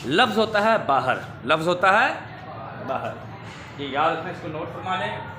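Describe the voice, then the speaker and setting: A man teaching pronunciation to children, slowly repeating wrong and correct forms. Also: high-pitched, lively intonation, background noise. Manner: slow, drills correct and wrong forms, addresses dear children. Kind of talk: classroom pronunciation lesson. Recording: echoey room with faint ambience.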